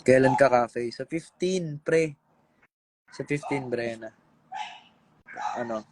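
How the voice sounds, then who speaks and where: A man's voice: medium pitch, takes it slowly, a little hiss or hum, rough recording. A man on a casual live stream, tired from singing and joking playfully with his viewers. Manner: sings pop songs, then chats playfully with viewers. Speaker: singer doing an Instagram live.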